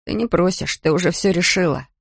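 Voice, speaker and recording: A reader voicing a sullen, resentful teenage boy who shouts at his mother. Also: high-pitched, brisk, gravelly, husky, no room sound, studio quality, full character voice. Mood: resentful angry.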